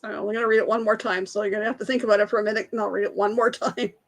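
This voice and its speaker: A woman's voice: medium pitch, steady tone, very fast. A woman hosting a casual live trivia quiz, reading questions aloud and chatting with viewers in the chat. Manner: reads questions aloud, greets and answers chat viewers, laughs at herself. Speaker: trivia livestream host.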